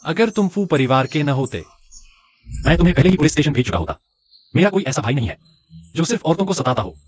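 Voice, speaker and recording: An actor dubbing a stern, cold young husband from a wealthy family, curt and commanding. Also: male voice, a little high, big pitch swings, fast, a little hiss or hum. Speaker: husband in a short drama, Hindi dub. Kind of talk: dubbed drama acting.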